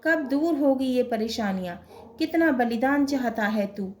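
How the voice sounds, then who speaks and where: Woman reading an anxious mother figure: slow, prayerful. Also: high-pitched, animated, darkish tone. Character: worried mother praying for her sons.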